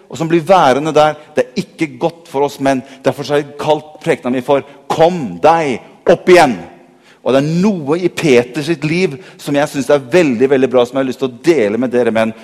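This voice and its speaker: A man preaching a sermon, reading scripture with humor and swinging between loud emphasis and quiet asides, in a church. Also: mid-range voice, big-room sound. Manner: lively, joking, swings between loud and soft. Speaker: pastor.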